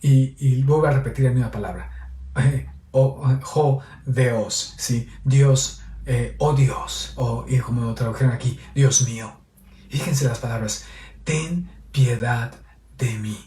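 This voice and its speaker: This priest speaks in a mellow mid-range voice with a steady tone and measured pace. Delivering a homily on a Gospel reading like a teacher, he often checks in with his audience, and the echoey recording places him at a distance.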